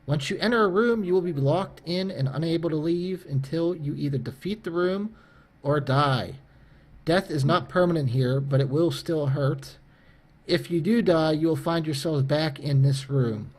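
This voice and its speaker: A man voicing a grave, apologetic disembodied summoner in a tabletop game, speaking in solemn, measured, formal pronouncements. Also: medium pitch, darkish tone, natural voice.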